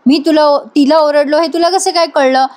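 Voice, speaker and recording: A woman's voice: high voice, fairly even intonation, moderate pace, a little mellow, natural voice. A woman reading a stern, lecturing father. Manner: firm, lecturing. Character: stern middle-aged father, firm and strict.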